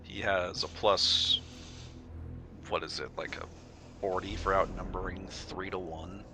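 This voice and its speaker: A man's voice: low-pitched, steady tone, takes it slowly, music in the background. A man chatting casually as a player in a tabletop game, explaining the rules and chuckling often.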